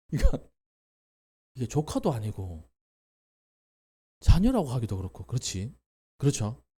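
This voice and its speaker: A man preaching a Bible-teaching sermon in a church, telling the story with lively questions to the congregation and acted-out lines. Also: mid-range voice, slightly rough. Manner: animated storytelling, acts out quoted characters, asks the congregation questions. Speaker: pastor.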